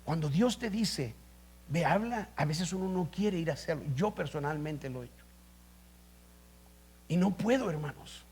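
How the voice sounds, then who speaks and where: A man's voice: a little high, animated, moderate pace, pauses often, a little mellow, breathy edge. A man, a pastor, preaching a live sermon in an impassioned, exclamatory way. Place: church service, live.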